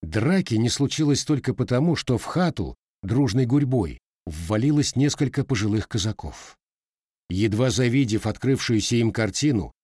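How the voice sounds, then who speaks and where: Low expressive male audiobook narrator. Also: no echo, clean studio sound. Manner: expressive storytelling.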